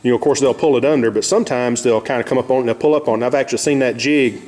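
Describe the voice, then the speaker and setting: A man's voice: medium pitch, rapid-fire, darkish tone, faint music behind. A man with an Arkansas Southern accent giving a casual, folksy, plain-spoken how-to demonstration as host of a fishing vlog. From Arkansas, United States.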